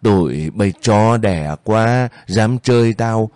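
A male narrator voices a hoarse, domineering tycoon in an audiobook scene. He barks out slowly in a low, dark, gruff tone, dry and close to the mic. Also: dry recording. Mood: angry. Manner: arrogant, barking. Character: hoarse, bossy rich male industrialist.

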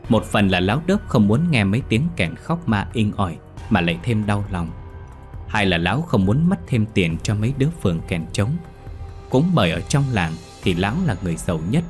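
Brief: male storyteller, low voice, dramatic ghost-story reading, faint music behind. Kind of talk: scripted ghost story narration.

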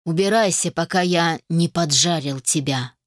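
A woman reading an audiobook voices a hot-tempered young man, speaking low and restrained. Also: moderate pace, dry recording, clean studio sound, close to an everyday voice. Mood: cold.

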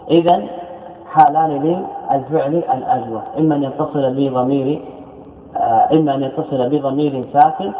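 A man teaching a classroom lesson, explaining by repeating his points and asking himself questions. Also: mid-range voice. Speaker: teacher of Arabic morphology. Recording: echoey hall over a tinny phone-like line.

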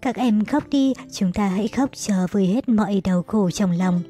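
A woman's voice: medium pitch, normal speed, warm tone, soft background music, natural voice. A woman voicing a caring, anguished eldest sister from a storybook, pleading and tender with her younger siblings.

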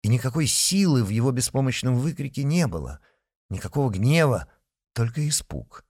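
A man's voice: medium pitch, sing-song, moderate pace, darkish tone, dry recording, studio quality. A man narrating an audiobook expressively, voicing each character.

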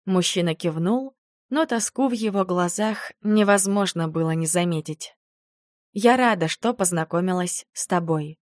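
A woman narrating a first-person audiobook in an expressive manner. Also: lowish voice, no echo, studio quality.

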